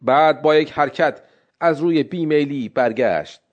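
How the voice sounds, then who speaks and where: A man reading a literary story aloud in steady narration. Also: a little high, dull audio.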